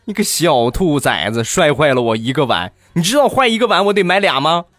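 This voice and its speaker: A man's voice: on the high side, very animated, a little fast, fairly bright tone, no echo, soft background music, pitched above the performer's own voice. A man voicing an angry middle-aged mother who shrilly scolds her son for breaking a bowl. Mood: scolding.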